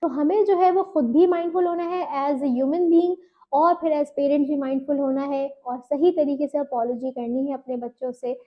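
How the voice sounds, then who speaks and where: A woman's voice: high voice, steady tone, moderate pace, lo-fi sound. A woman from Pakistan, giving earnest parenting advice and mixing in English phrases. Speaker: parenting coach.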